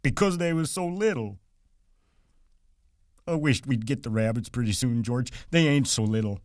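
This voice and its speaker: Man doing a big childlike simple man, high pleading voice, slow and apologetic, audiobook. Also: expressive, a little mellow, dry recording, studio quality, natural voice. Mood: plaintive.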